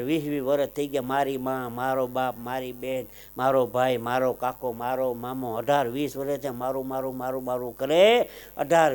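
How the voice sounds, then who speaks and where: A man with a Kathiawadi Gujarati accent telling emotional folk anecdotes on stage, swelling loud on some lines and dropping low on others. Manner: dramatic swells, loud declaiming then softer asides. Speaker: folk storyteller and comedian.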